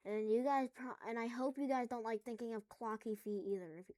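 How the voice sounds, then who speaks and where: Woman rambling thru a tutorial, kinda high voice, dry close sound, goofy asides. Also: a little fast, darkish tone, no room sound. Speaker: tutorial maker. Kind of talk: casual screen-recorded coding tutorial. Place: at home.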